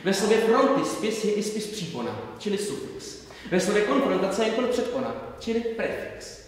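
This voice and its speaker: A male stage actor playing a pompous, pedantic professor who lectures in a theatrical, declamatory way, swinging between soft and loud. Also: sits high, very animated, slight background noise. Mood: insistent. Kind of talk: live theatre performance. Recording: echoey stage recorded from far off.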